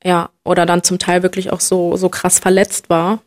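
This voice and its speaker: A young woman from Germany, speaking reflectively as an interview guest and often pausing to search for words. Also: lowish voice, monotone, no room sound. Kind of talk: personal interview conversation.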